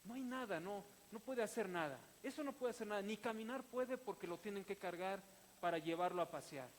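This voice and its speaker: A male pastor preaches in a fairly high voice, animated and breaking into laughter through his stories. His voice rings with a long church-hall echo, and a faint hiss sits under the recording. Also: brisk. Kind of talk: sermon with personal storytelling. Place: church sanctuary.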